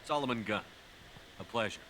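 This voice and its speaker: An actor voicing a calm, firm male commander in a video game. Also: on the low side, moderate pace, a little hiss or hum, lightly acted.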